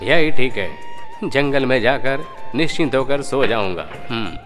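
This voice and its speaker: A man's voice: mid-range voice, expressive, unhurried, a bit bright, big-room sound, faint music behind. A man voicing a sleepy village boy in a cartoon, drowsy and pleading. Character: sleepy village boy who dreams the future.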